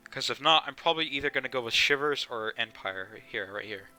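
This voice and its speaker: A man's voice: medium pitch, animated, fast, pushed and bright, soft background music. A young man streaming a game live, chatting casually and rambling, with the odd swear. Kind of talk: casual live gameplay commentary.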